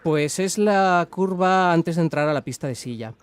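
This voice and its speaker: On a radio prank call, a man with a Spanish-from-Spain accent plays a polite, apologetic traffic official, sounding hesitant, courteous and official. His voice is on the high side, clear and resonant, at a moderate pace and lightly acted. The improvised call stays in a formal register.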